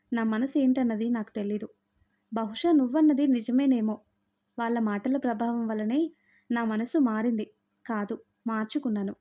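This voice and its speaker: A woman's voice: a little high, natural voice. A woman voicing an innocent, loving young wife who talks in a pleading, affectionate way. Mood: tearful. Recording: dull lo-fi sound.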